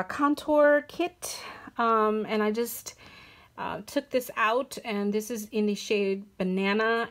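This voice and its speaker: Young woman, beauty vlogger, casual talk to camera, chatty, lots of ums and restarts, mid-pitched voice. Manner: chatty, hesitant with frequent ums and self-corrections.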